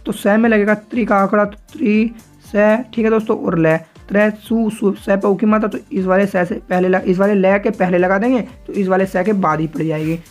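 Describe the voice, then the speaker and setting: A man teaching a shorthand lesson, explaining each step patiently and often checking that it is clear. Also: high voice, steady tone, normal speed, few pauses, soft background music. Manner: patient, repeats points, often asks if it is clear.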